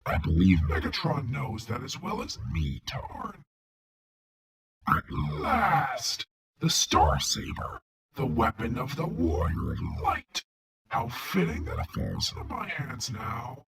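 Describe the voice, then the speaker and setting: A man voicing a vengeful, grandiose robot warlord in a villain demo, with a gravelly, raspy voice and an imperious, theatrical delivery. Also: medium pitch, wildly swooping pitch, takes it slowly, crowd noise. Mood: scheming. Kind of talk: scripted villain voice acting demo.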